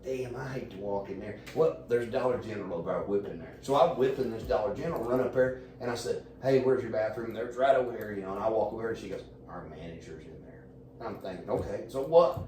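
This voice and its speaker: A man's voice: fairly low pitch, quick pace. Guy rambling through a crude story, cussing a lot, mic kinda far off in an echoey room. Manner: rambling, profane, animated storyteller. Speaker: podcast guest. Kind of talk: casual storytelling. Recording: echoey room, distant mic, faint noise.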